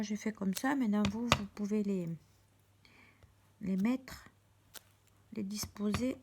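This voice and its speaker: A woman's voice: mid-range voice, gravelly, background noise. A woman giving a chatty step-by-step card-making lesson at her craft table. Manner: chatty, step-by-step, with small restarts. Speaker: craft teacher.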